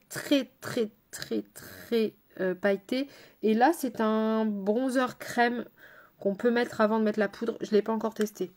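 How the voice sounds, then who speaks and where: A woman's voice: mid-range voice, a little mellow. Chatty woman makeup artist vlogging. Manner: chatty, addresses viewers directly; playful asides to someone off camera. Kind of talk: casual makeup tutorial.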